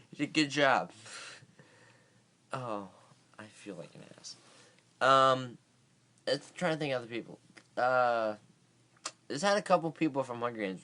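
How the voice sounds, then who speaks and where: A man's voice: mid-range voice, a bit bright. A man giving a casual vlog movie review, rambling with many fillers and restarts, and sounding tired.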